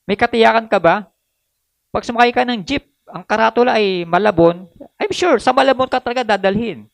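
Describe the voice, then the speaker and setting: A man preaching a sermon, mixing in English, reading verses slowly and adding frequent tag questions and hesitations. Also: high-pitched, creaky, dry recording. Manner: switches between Tagalog and English, reads Bible verses slowly. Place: church.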